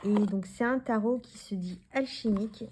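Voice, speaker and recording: A woman in her forties from France talks casually through her tarot decks, with a warm, mellow voice. She rambles and restarts her sentences, speaking straight to the viewer. Faint noise sits behind her. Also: medium pitch, moderate pace. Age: 40s. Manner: chatty, rambling, many fillers and restarts; talks to the viewer directly, handling cards. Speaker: tarot YouTuber. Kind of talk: casual deck review vlog.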